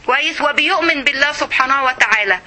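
A middle-aged woman with an Egyptian accent giving an informal religious lesson, lively and conversational, speaking straight to her listeners. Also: high-pitched, quick pace. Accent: Egyptian Arabic. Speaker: religious teacher.

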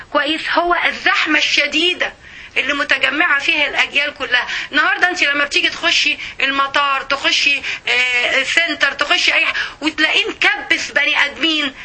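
Fast, bright Egyptian woman preaching. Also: high voice. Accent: Egyptian Arabic. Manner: emotional, keeps checking in with listeners. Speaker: religious teacher. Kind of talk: religious lesson to women.

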